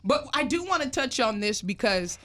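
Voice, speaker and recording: A woman from Canada hosting a casual radio interview, playful and quick to laugh. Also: on the high side, sing-song, heavy background noise. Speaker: radio host.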